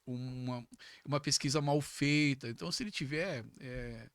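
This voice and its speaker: A middle-aged man telling a story as a podcast guest, casual and lively, jumping up in pitch whenever he quotes someone. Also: normal speed, dry recording, studio quality. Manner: animated, jumps to high pitch when acting out quoted speech.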